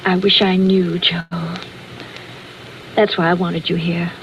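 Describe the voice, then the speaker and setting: Brittle genteel wife, muffled old radio. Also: female voice, lowish voice, flat delivery, slow pace, fairly bright tone. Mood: wistful, strained. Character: genteel, brittle unhappy wife and mistress of the house. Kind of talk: vintage radio drama acting. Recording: muffled, noisy old radio drama recording.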